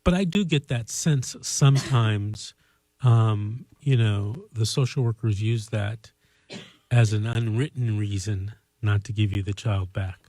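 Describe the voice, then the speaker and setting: A man hosting a call-in show, giving earnest legal advice in a measured, conversational way. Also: lowish voice, mellow, no room sound.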